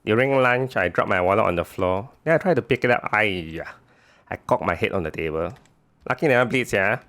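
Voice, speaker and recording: A man's voice: lowish voice, lively intonation, fairly quick, fairly bright tone. A man playing an everyday Singaporean telling grumbling anecdotes in colloquial Singlish with clipped grammar. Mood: rueful. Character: animated, complaining everyday Singlish-speaking man.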